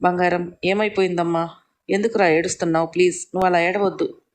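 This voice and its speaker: A tender middle-aged man soothes a crying girl, speaking softly on a narrow, flat pitch. A narrator puts him on in a plain storybook reading. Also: fast talker, lightly acted.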